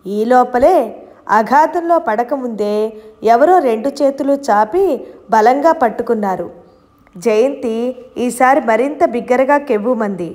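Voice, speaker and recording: A woman reading a novel aloud as an audiobook narrator, calm and measured. Her voice sits a touch higher than most women's.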